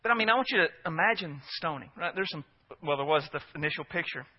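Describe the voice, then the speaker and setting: A man's voice: fairly high pitch, animated, fast, dull audio. A man preaching a sermon as pastor, earnest and emphatic, often asking his listeners rhetorical questions.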